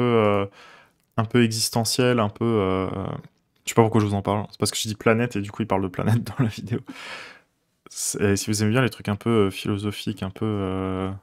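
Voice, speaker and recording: A man chats with his stream audience as he codes. His voice sits low with a gravelly fry. He rambles easily, hunts for words and laughs lightly at himself. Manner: relaxed, rambling, many fillers, chuckles often. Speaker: streamer coding live. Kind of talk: casual live-coding stream chat.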